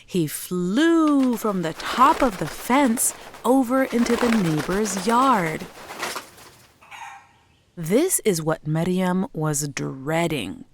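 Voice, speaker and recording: A woman narrating a children's folktale slowly and expressively, weaving in words. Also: lowish voice, slight background noise. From Sudan. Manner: slow, expressive, mixes in Arabic words. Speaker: storyteller.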